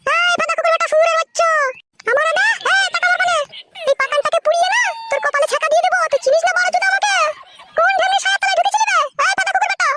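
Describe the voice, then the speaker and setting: A woman's voice: extremely high pitch, fairly even intonation, racing, voice pushed up. A woman voicing a brash, twice-married village mother-in-law in a comic cartoon, scolding in a foul-mouthed way. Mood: shrieking abuse. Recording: noisy homemade recording.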